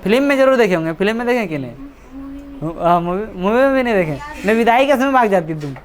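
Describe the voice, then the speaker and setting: A man's voice: high-pitched, lively intonation, a little fast. A man teaching a class, chatty and joking, teasing and scolding his students. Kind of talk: classroom lecture explaining a story.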